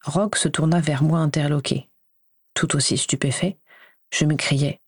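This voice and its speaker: A woman reading a first-person story aloud in a steady, even narration. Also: low-pitched, moderate pace, husky, dry recording, studio quality. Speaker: audiobook reader.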